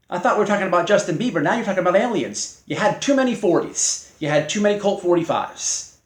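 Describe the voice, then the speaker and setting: A man hosting his own channel, delivering a mocking, confrontational response to a rival in halting speech full of fillers and restarts. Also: sits high, roomy sound. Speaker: channel host.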